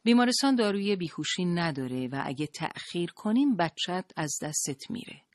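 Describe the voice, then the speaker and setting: A storyteller voicing a small, impatient, defensive woman doctor in an audiobook, speaking louder and higher than the narration, in a dry, close sound. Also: expressive, no echo, natural voice. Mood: exasperated.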